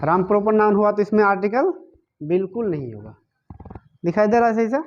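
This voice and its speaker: A man's voice: sits high, expressive, fairly quick. A male teacher giving a grammar lesson, asking his class questions and answering them himself, repeating the key words. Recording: dull lo-fi recording.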